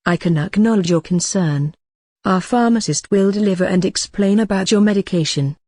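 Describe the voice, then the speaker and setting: A gentle, calm nurse, acted by a woman, reassures in a formal scripted role-play. Her voice sits at a medium pitch. The sound is close and dry. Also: normal speed, dry recording, natural voice. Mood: calm, reassuring. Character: reassuring female ward nurse counselling a patient. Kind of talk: scripted role-play dialogue for exam practice.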